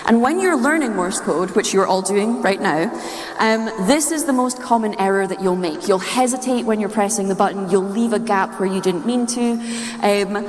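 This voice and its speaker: Speaking at a medium pitch and moderate pace, a Scottish woman gives a playful, humorous, nerdy talk to a live audience, chuckling at her own wordplay. She's in a large indoor hall, and the recording is echoey with long reverb.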